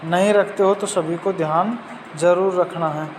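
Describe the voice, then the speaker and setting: A man teaching a Sanskrit class, slowly repeating words and their meanings and speaking straight to his students. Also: sits high, steady tone. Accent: Hindi-speaking Rajasthani. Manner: slow, repeats each word and its meaning, addresses students directly. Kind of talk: recorded class lesson. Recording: reverberant room with faint traffic noise.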